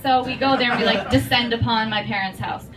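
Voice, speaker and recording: A woman comedian telling a stand-up story, animated and profane, bursting into loud shouts. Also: a little high, a little fast. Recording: distant mic, noisy.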